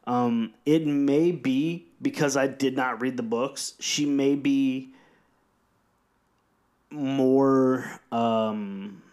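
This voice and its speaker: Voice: medium pitch, very slow, a little mellow. A podcast co-host chatting casually and sharing trivia in a dry, matter-of-fact way. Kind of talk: casual chat.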